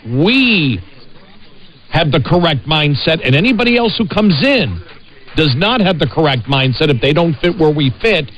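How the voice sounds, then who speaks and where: A man's voice: on the high side, sing-song, normal speed, a bit bright. An American man co-hosting a conversational political talk radio show, insistent and repeating phrases for emphasis. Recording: noisy radio broadcast sound.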